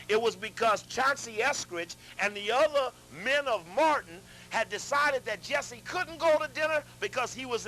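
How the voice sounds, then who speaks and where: Animated bright-voiced man lecturing. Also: high voice, a little hiss or hum, poor audio. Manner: animated, addresses audience directly, repeats and restarts. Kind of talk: lecture to a live audience.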